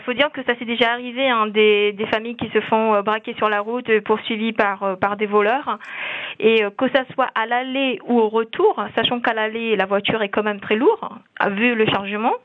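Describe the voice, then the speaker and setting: A woman's voice: medium pitch, no echo. A woman from French Guiana, a farming family's daughter, speaking on the phone during a radio interview, hesitant with many fillers and restarts. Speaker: guest, farmer's daughter. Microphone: telephone. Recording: tinny dry phone line.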